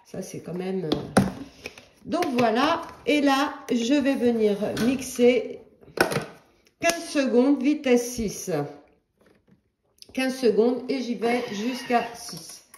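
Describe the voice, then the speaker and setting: A woman's voice: fairly high pitch, lively intonation, slow, long pauses, roomy sound, noisy background. Chatty woman demonstrating a recipe. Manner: chatty, hesitant with many fillers. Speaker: Thermomix cooking demonstrator. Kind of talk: casual cooking demonstration. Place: home kitchen.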